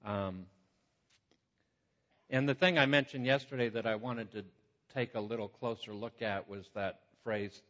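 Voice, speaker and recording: A man with a lowish voice teaches scripture like a preacher, often doubling back on his words. His voice booms with a cave-like echo, as if he were standing in a big stone hall. The recording is muffled and lo-fi. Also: a bit bright. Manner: conversational and halting, with repeated false starts. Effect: booming cave-like echo on the voice. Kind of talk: Bible teaching sermon, reading scripture aloud. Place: large reverberant room. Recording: echoey hall, muffled lo-fi sound.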